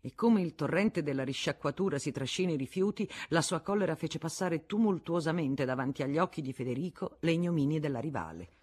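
A man narrating a novel as an audiobook, with measured literary reading. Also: a little high, expressive.

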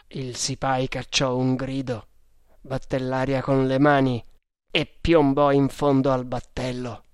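A man reading an adventure story aloud in a measured, dramatic way. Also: medium pitch, clear, resonant tone, no room sound, clean studio sound. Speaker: narrator. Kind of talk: audiobook narration.

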